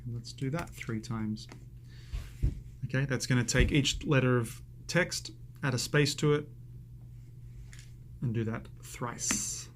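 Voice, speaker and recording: A man's voice: mid-range voice, takes it slowly, pauses often, background noise. A man teaching a coding lesson over a screen recording, chatty and self-amused, thinking aloud as he types.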